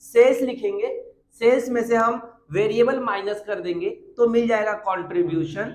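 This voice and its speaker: A man's voice: high voice, fairly even intonation, moderate pace. Man teaching in an echoey classroom. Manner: asks questions and answers them himself, repeats key points. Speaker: commerce teacher. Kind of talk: classroom lecture at a whiteboard. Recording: echoey room.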